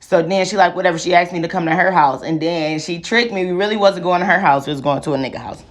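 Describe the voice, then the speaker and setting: A woman's voice: on the low side, fast talker. Young woman telling a loose, slangy story. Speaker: vlogger. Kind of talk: casual storytime while doing hair.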